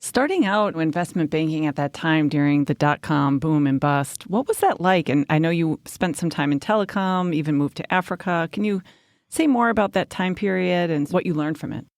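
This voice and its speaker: A woman's voice: low voice, moderate pace, no echo. A woman hosting a podcast interview in a recording studio, asking questions in a friendly, curious way. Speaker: podcast host.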